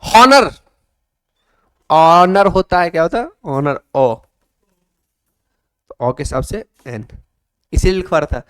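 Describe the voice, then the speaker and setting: A man teaching an English grammar lesson, coaxing students and repeating their answers in a lively classroom manner. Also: fairly high pitch, a little slow, pauses often, no room sound, clean studio sound.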